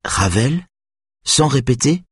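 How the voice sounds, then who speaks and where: Male reader playing an anxious young female violinist, higher and strained, audiobook. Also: breathy edge, dry recording, clean studio sound. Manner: higher, tense, quick-tempered.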